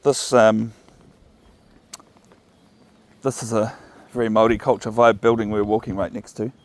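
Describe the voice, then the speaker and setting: A man's voice: fairly low pitch, level tone. A man with a New Zealand accent rambling casually and thinking aloud as he records a vlog on a walk. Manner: unhurried, thinking aloud, musing. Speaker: vlogger walking his dog. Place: outdoors, walking along a path. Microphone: phone recording while walking.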